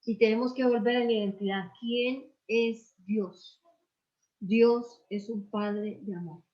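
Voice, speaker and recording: A woman's voice: a little high, fairly even intonation, slow. An older woman pastor, preaching in a conversational sermon with personal stories and rhetorical questions. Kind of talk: sermon dialogue. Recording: muffled lo-fi sound.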